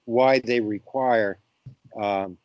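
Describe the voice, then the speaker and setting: A man's voice: mid-range voice, fairly even intonation, extremely slow, no room sound, dull audio. Male moderator, dry close voice, easygoing self-deprecating guide of the talk. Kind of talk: casual academic discussion. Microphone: video call.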